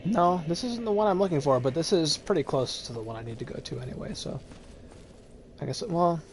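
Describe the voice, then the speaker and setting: A man streaming a video game, giving casual, rambling commentary full of fillers and quick chuckles. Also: fairly high pitch, expressive, a little hiss or hum. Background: game music.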